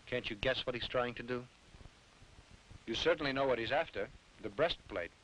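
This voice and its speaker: A man's voice: medium pitch, moderate pace, a bit bright, lightly acted, poor audio. An actor as an earnest doctor father. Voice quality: earnest, reasoning. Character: calm male doctor, worried family father. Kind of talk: 1950s dubbed film dialogue.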